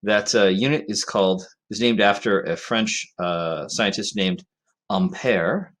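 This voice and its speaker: Casual lecturing man, lowish voice. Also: a little slow, a bit bright. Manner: conversational, frequent fillers and "right?" check-ins. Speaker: physics teacher. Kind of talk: recorded classroom lecture.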